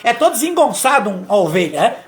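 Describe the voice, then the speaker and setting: A man's voice: extremely high pitch, very animated, fast talker, creaky, soft background music. Man giving a chatty live-stream testimony, loose and storytelling. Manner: conversational, storytelling, frequent tag questions. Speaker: lay preacher giving testimony.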